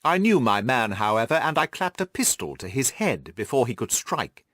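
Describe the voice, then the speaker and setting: Sherlock Holmes, animated gentleman detective read by a man. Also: mid-range voice, moderate pace, no echo, clean studio sound. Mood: brisk, satisfied. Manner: precise, formal, methodical. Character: shrewd, self-assured gentleman detective recounting his deductions.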